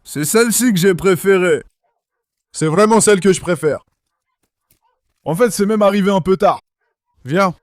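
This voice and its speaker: A man's voice: sits high, moderate pace, pauses often, a little hiss or hum. A young man vlogging casually from his backyard pool, calling and coaxing his dogs with affection. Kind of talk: casual vlog chat.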